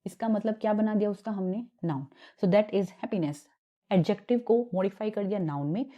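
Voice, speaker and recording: Slow, mellow-voiced Indian woman teacher. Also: fairly low pitch, lo-fi sound. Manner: explanatory, rhetorical questions to students. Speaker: English exam teacher. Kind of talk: exam revision lesson mixing Hindi and English.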